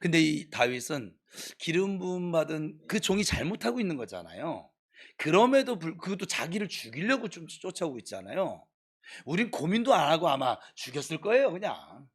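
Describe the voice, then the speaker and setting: A man preaching in church with a high, very lively voice that climbs and falls across a wide range. He moves from quiet teaching to sharp, scolding exhortation aimed at his congregation. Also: normal speed, slightly rough. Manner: exhorting, swings from soft to scolding shouts. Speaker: pastor. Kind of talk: sermon.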